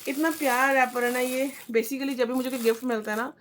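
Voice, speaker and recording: A young woman chatting through an excited unboxing vlog, mixing in English phrases. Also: high voice, fairly quick, slight background noise. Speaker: vlogger.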